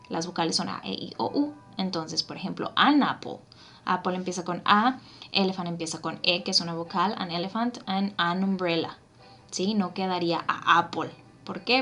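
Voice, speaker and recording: A woman teaching English grammar, patient, repeating points and checking in with her students. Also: medium pitch.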